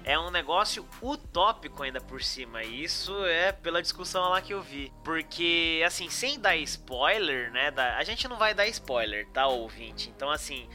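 A man's voice: a little high, animated, normal speed, few pauses, bright, forceful tone, soft background music. A Brazilian man hosting a podcast in an informal, enthusiastic, slangy chat style. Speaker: podcast host. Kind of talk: casual chat, animated podcast introduction and discussion.

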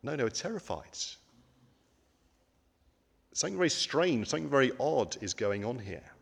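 A man preaching a conversational sermon, often pausing on ums and asking the listeners rhetorical questions. His voice sits in a middle pitch, and the recording carries a long reverberant tail, as in a hall. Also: very animated, creaky, breathy edge.

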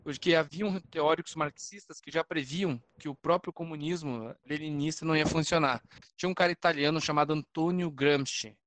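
A man's voice: a little high, brisk, fairly bright tone, dry recording. A man with a Brazilian accent explaining things casually as a podcast panelist, often stumbling into his sentences.

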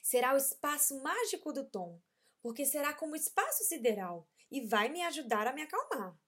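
A woman's voice: high voice, very animated, normal speed, pushed and bright, voice pushed up, full character voice. A woman voicing an upset little boy in a read-aloud children's story, speaking in a childlike, emphatic way. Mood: excited. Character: upset little boy, sulky then cheerful.

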